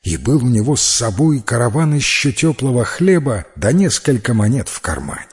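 A man narrating a fairy tale as an audiobook, in slow, even storytelling. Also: mid-range voice.

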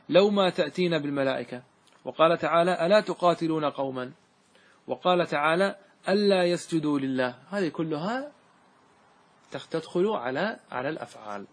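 A man teaching grammar as a sheikh, chanting verses slowly and often asking his class whether it is clear. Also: a little high, expressive.

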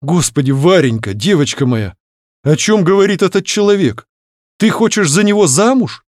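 A man's voice: medium pitch, expressive, normal speed, no room sound, clean studio sound, natural voice. Man doing a doting noble father. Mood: shocked. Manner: haughty at first, then gentle and soothing. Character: doting aristocratic father, shocked and tender.

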